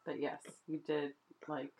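A woman with a notably low voice co-hosts a relaxed podcast chat. She talks in a playful, giggly way, full of "like" and "you know". She laughs easily. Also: unhurried, dull audio. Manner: giggly, playful, chatty with many fillers. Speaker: podcast co-host. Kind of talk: casual chat.

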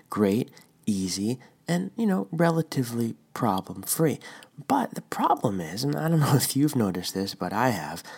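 Thirties male podcast host, low husky whisper, casual chatty read of his own post. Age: 30s. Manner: conversational, checks in with listener. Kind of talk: casual reading of a blog post. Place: at home, partner asleep next room.

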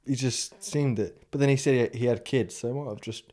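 A man's voice: mid-range voice, brisk, dark tone. Young man rambling through stories. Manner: rambling anecdotes with frequent restarts and acted-out quotes. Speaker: storyteller. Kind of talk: casual chat.

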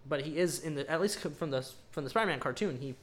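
Casual male podcast co-host, slightly high voice, loose and rambling with lots of ums, lands firm verdicts. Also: quick pace. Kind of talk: casual movie review chat.

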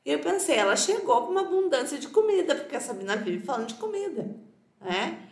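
A woman co-hosting a casual podcast chat, lively and teasing, laughing often. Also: sits high, quick pace, echoey room. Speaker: podcast co-host.

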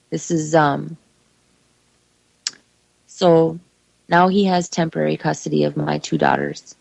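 A woman with a low, gravelly voice gives an urgent personal testimony. She speaks emphatically and addresses her listeners directly. The sound is dry and close. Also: darkish tone, no room sound, poor audio. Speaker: mother telling her story.

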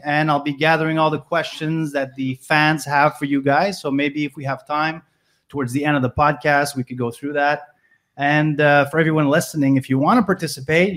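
A man who runs sound for the podcast, chatting in a friendly way and plugging the show's website. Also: on the high side. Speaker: sound engineer. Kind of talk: casual chat.

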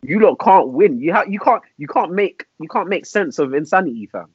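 A man's voice: fairly high pitch, expressive, fairly quick, husky, lo-fi sound. A young man with a London roadman accent, talking emphatically and repetitively in street slang during a casual group discussion. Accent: London roadman, urban slang. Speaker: podcast panellist answering listener dilemmas.

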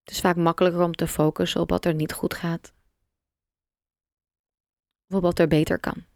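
Calm, gravelly-toned meditation guide woman. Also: on the low side, dry recording, studio quality. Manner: slow, soft and calm, with long pauses.

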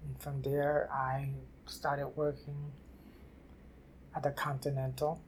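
An older woman from New City, telling her life story haltingly in an oral history interview. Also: rumbling low, little pitch movement, darkish tone, a little hiss or hum. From New York City. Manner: halting, repeats and restarts phrases. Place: library office.

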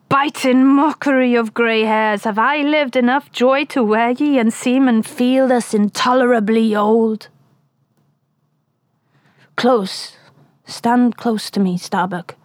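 A woman's voice: a little high, no room sound. A woman voicing a weary, obsessed old whaling captain in anguished, archaic soliloquy for an audiobook. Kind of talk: dramatic audiobook reading.

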